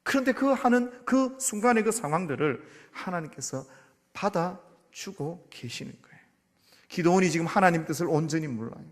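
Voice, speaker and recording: A male pastor preaching a sermon in a church, swinging between loud pleading and hushed near-whispers. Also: high-pitched, lively intonation, normal speed. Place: church sanctuary. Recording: long church hall reverb.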